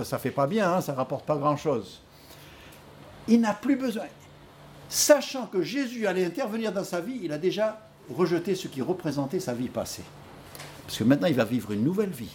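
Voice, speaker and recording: A man preaching a sermon, telling stories in an animated way with many hesitations. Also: a little high, slight background noise.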